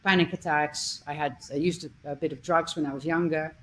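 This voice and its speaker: A woman's voice: deep voice, steady tone, a little fast, a little hiss or hum, low-quality recording. A middle-aged woman from the Netherlands, a coach speaking as a podcast guest and telling her story in an earnest, conversational way. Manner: earnest, listing experiences with small restarts.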